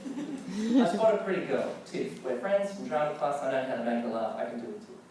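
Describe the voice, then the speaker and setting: A man telling a personal story in an animated, self-mocking way with playful comic timing. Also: a little high, brisk. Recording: echoey hall, distant mic, faint noise.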